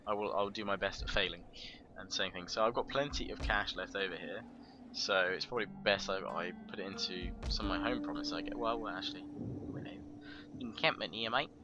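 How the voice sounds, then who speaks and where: A man's voice: deep voice, fairly quick, dull audio, background noise. A man casually narrating his strategy game campaign, rambling, joking at himself and stumbling over foreign names. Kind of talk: casual let's play commentary. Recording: game music behind the voice.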